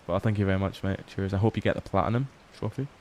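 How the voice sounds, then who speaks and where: A man's voice: deep voice, fairly even intonation, fast, darkish tone, slight background noise. A tired young man casually chatting on a livestream, reading chat aloud and swearing often. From Scotland. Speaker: livestream host. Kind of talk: casual late-night stream chat.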